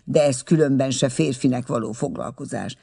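Male narrator voicing proud young woman, indignant and tart, husky. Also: mid-range voice, dark tone. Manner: scolding, indignant.

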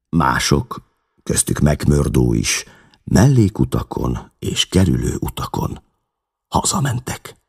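Deep, gravelly male storyteller. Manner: dramatic, expressive reading. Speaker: narrator. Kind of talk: audiobook reading.

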